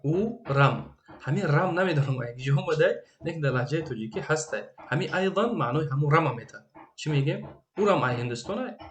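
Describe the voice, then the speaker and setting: A man with a Tajik accent teaching an Arabic grammar lesson. He repeats each Arabic phrase slowly and then translates it. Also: on the high side, lively intonation.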